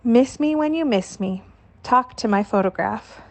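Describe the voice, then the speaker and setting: Woman narrator as a shy, tearful young bride, soft and a bit high. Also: animated, measured pace.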